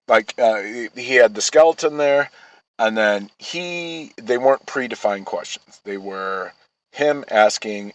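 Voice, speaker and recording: A man's voice: on the low side, low-quality recording. A man telling a rambling personal story in casual speech, swearing often and restarting sentences. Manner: rambling, profane, with frequent halting restarts. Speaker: vlogger.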